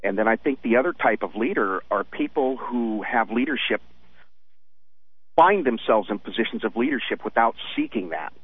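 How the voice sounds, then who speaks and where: A man phoning a radio show and giving his opinion in casual, measured talk. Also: on the low side, animated, breathy edge, no echo. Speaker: radio phone-in caller. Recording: muffled narrow phone line.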